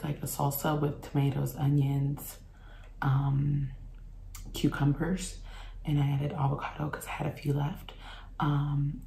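Young woman vlogger, low gravelly voice, hushed casual chat at home, echoey room. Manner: speaks softly to keep quiet. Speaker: mukbang vlogger. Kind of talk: casual eating show chat. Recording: echoey room with faint noise.

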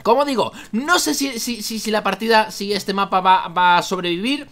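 A man from Spain with a Spanish accent and a sore throat, giving excitable Minecraft let's play commentary, often exclaiming and repeating himself. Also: high-pitched, normal speed. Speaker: gaming youtuber.

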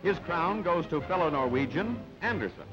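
A man whose voice is on the high side, with lively intonation, reads a newsreel script at normal speed. His delivery is punchy, clipped and dramatic, set against music on a dull, band-limited old soundtrack.

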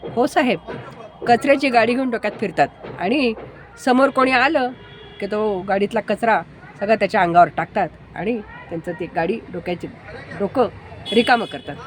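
A woman voicing a calm, humble male rickshaw driver who patiently shares simple homespun wisdom. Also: high voice, moderate pace, some chatter behind, slight background noise, lightly acted. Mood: explaining calmly.

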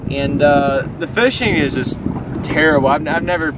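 A young man speaks casually into a camera held close, outdoors and later aboard a boat. His talk rambles loosely with frequent "uh" and "you know". Steady wind, water and engine noise sit under the voice. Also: fairly high pitch, moderate pace. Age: young adult. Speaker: fishing vlogger. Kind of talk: casual vlog narration. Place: outdoors by a truck, then on a boat on a lake. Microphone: handheld camera close to face, later camera mounted on boat. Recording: noisy outdoor camera audio.

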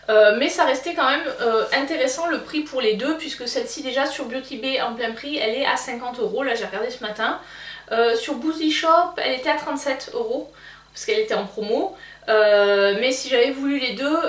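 A woman's voice: high voice, fairly bright tone, far from the mic, slight background noise. Chatty woman in an echoey room. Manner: chatty, hesitant with frequent fillers. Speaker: beauty vlogger. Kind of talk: casual makeup haul chat.

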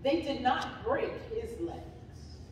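Slow-reading woman pastor in an echoey church. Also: on the high side, lively intonation, noisy background. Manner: slow, deliberate reading with shouted cries for emphasis. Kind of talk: dramatic scripture reading in a sermon. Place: church sanctuary. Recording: echoey church hall from far off.

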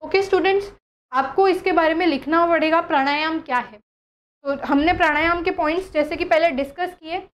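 High-voiced woman teacher. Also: moderate pace. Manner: mixes Hindi and English, repeats terms, asks students questions. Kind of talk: recorded class lesson, revision.

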